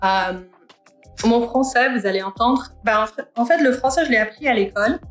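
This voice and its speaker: Young woman from Canada, relaxed get-ready-with-me chatter, filler-heavy, echoey room with soft music. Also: on the high side, normal speed. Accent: France-style French learned in Canada. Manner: chatty, musing aloud with many fillers. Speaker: beauty vlogger. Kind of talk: casual get-ready-with-me chat.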